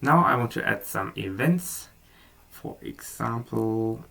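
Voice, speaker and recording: A German man talks through a screen-recorded software tutorial in a relaxed, unscripted manner, with plenty of ums and small restarts. His gravelly, creaky voice is medium-pitched and slow, and sounds a little distant since he sits back from the microphone.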